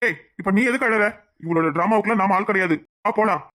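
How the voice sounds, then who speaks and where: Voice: medium pitch, fast, pushed and bright, lightly acted. A voice actor playing a hot-headed young man caught between two women in a cartoon drama. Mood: agitated. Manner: curt, accusing. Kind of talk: cartoon voice acting.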